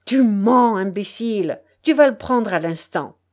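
A woman's voice: on the high side, big pitch swings, normal speed, a little mellow. A woman voicing a wounded male thief who speaks with cold contempt and harsh commands, in a storybook reading. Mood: scornful.

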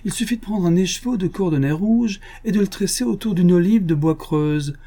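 Lupin, a taunting gentleman thief, read by a man. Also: high-pitched, a little fast, voice pushed up. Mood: mocking. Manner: taunting, playful, condescending. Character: mocking, cocky gentleman thief, male adult. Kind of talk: audiobook character reading.

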